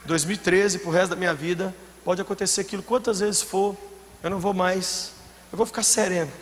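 A man preaching a sermon as a pastor, telling stories and acting out scenes with sudden shouted outbursts. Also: sits high, fairly even intonation, brisk. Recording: long hall reverb, faint ambience.

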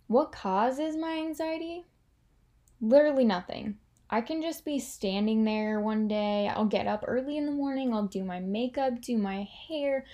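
A young woman in her twenties talks straight to the listener in a loose, confessional podcast monologue. Her voice sits a touch high, and she keeps it candid and chatty, dropping "like" everywhere and swearing without a second thought. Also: warm tone. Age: 20s. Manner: candid and chatty, heavy filler "like", swears freely. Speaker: podcast host.

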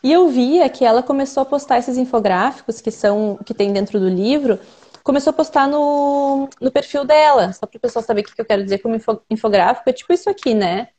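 A woman's voice: on the high side, a little fast, dark tone. A young adult woman with a Brazilian accent, a researcher and translator, explaining her work at length in a casual interview. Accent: Brazilian Portuguese. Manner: thoughtful, explains at length with many fillers.

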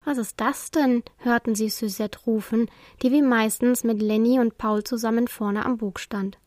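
A woman narrating a children's storybook in a calm, expressive way. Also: a little high, normal speed, dry recording, studio quality.

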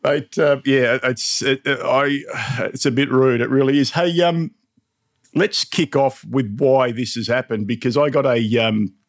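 A middle-aged man hosting a podcast, chatting in a relaxed, mate-to-mate way. His voice sits at an ordinary middle pitch, and the sound is dry and close to the mic. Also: measured pace, no echo. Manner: laid-back, chummy, with fillers and laughs. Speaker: podcast host. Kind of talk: casual podcast chat.

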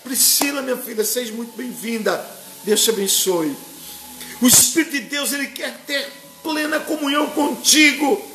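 A man's voice: very high-pitched, normal speed, reverberant, background noise. A man with a Brazilian Portuguese accent preaching a fervent, emotional live-streamed sermon and greeting viewers by name.

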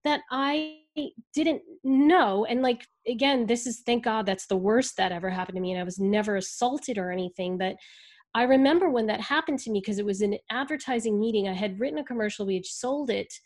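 A woman speaking as an interview guest, earnest and reflective, talking in halting bursts as she thinks things through. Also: on the high side, darkish tone. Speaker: guest speaking about the ad industry. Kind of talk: candid interview conversation.

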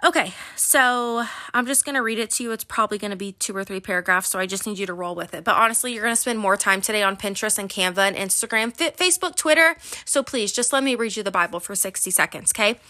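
Bright, chatty woman podcast host. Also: medium pitch, fast, hardly any pauses. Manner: chatty and emotional, calls listener girl, sis, baby. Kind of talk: casual devotional podcast talk with Bible reading.

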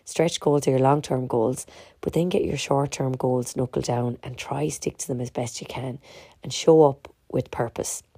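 Irish woman podcaster, congested stuffy nose, low mellow voice, candid and chatty, speaking straight to listeners. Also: fairly even intonation, normal speed, slightly rough, dry recording, studio quality. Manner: candid, emphatic, chatty, addressing listeners as guys. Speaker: podcast host, fitness community organiser. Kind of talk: casual motivational podcast monologue.

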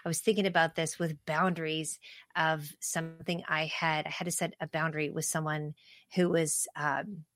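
A woman's voice: deep voice, level tone, moderate pace, a bit bright, no room sound, clean studio sound. A woman co-hosting a podcast in casual chat, chatty and playful, laughing often. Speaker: podcast co-host.

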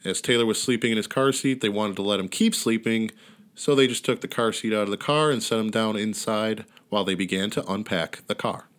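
A man's voice: lowish voice, a little fast, a bit bright. A man hosting a podcast, casually retelling a story in a wry, laid-back way with casual swearing. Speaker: podcast host. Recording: outdoor neighborhood ambience behind.

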